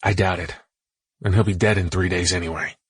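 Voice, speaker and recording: A man playing a curt, gruff driver. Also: low-pitched, fairly even intonation, brisk, no room sound, exaggerated voice. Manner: curt, snappish. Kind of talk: audiobook character voice.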